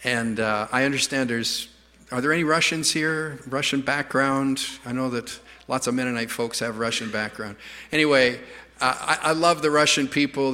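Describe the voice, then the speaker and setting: Man, pastor, storytelling sermon, bright tense voice, echoing hall. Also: medium pitch. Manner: rambling anecdotes, stammering restarts, self-deprecating humor. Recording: reverberant church hall.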